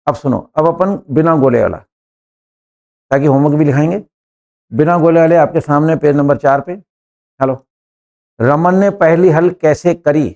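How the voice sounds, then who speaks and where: A man's voice: fairly high pitch, normal speed, long pauses, darkish tone. A man teaching an English class, joking and quizzing students one by one.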